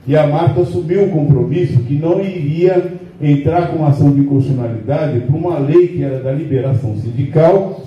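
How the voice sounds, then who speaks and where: A union founder reminisces to members in a meeting hall, rambling conversationally and often tagging questions onto his sentences. His voice is on the high side and fairly quick, sounding far off in the echoey room with the highs cut off.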